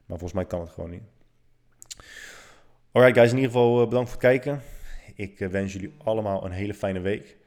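A man in his thirties with a slightly low voice hosts a live stream from home. He rambles through stories in an animated, self-mocking way. He swears freely along the way. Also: fast talker. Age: 30s. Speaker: livestream host. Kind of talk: casual storytelling monologue.

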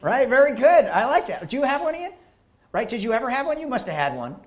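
A man giving a lively conference talk, animated and jokey, who keeps checking in with the audience. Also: extremely high pitch, quick pace. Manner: jokey, banters with the crowd. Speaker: conference speaker.

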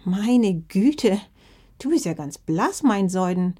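A woman voicing a kindly, fussing old grandmother in a children's audio story, loud and concerned. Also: mid-range voice, expressive, slow pace.

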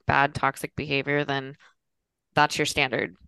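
A woman with a very low, gravelly voice that still sounds smooth and resonant. She hosts a relaxed podcast chat, and the sound is close and dry. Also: unhurried, dry recording. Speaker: podcast host.

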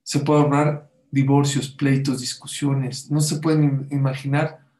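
A man's voice: medium pitch, flat delivery, a little slow, a little mellow. Man preaching in an echoey room. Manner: asks the audience rhetorical questions, cites Hebrew sources. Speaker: religious teacher. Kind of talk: sermon-style talk on parenting.

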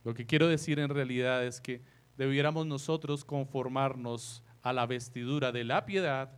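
During his sermon, a man with a medium-pitched, clean voice and fairly even intonation asks rhetorical questions of his audience. He swings from quiet comments to loud, emphatic bursts, slowing down to repeat important lines.

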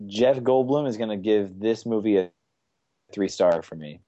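A man's voice: fairly low pitch, normal speed, warm tone, no echo. A man co-hosting a casual movie podcast, laid-back and agreeable, heard over a lo-fi remote line. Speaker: podcast co-host.

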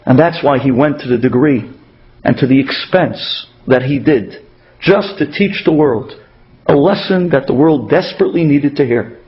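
A man's voice: mid-range voice, normal speed. A man with a Brooklyn accent giving a religious sermon with stories, speaking emphatically and repeating key phrases. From Brooklyn, New York. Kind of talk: sermon with storytelling. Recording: dull, muffled lo-fi audio.

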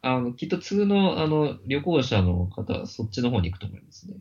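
A man's voice: mid-range voice, very animated, darkish tone, dull audio. A middle-aged man speaking politely and steadily as a guest, with frequent fillers. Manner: polite, measured, many fillers. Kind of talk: casual conversational interview. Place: Kyoto.

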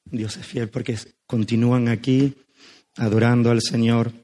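Hoarse man preaching a sermon. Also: mid-range voice, flat delivery, measured pace, mellow. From Spain. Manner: affectionate, joking, conversational preaching. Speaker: guest pastor. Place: church.

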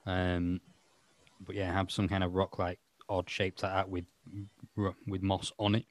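A man's voice: low-pitched, monotone, unhurried, no room sound. A man hosting a podcast, talking in a rambling, self-mocking way with lots of fillers. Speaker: podcast host. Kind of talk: casual chat.

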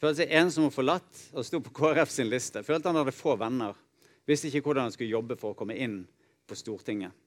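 A man preaching a sermon, telling stories with rhetorical asides and chuckles. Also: medium pitch.

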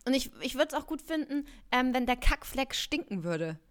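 A woman's voice: high-pitched, sing-song, moderate pace. Giggly young woman telling a rambling story. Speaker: podcast co-host. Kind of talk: casual podcast chat.

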